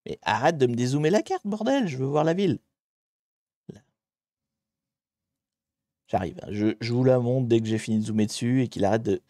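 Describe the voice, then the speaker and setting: A man streaming live, chatting with his viewers as he hunts through online maps and grumbles at the software. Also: medium pitch, animated, moderate pace, pauses often, dry recording, studio quality. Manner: chatty, talks to chat while searching maps, mildly exasperated. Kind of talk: live-streamed geography puzzle commentary.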